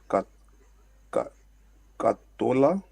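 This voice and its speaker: A man, a student in a language class, reading out words slowly one at a time. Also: medium pitch, very animated, creaky, a little mellow, husky, dry recording.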